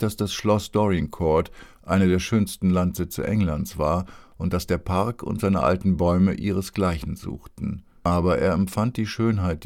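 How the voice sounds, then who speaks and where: A man narrating an audiobook in a calm, even storytelling manner. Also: sits low.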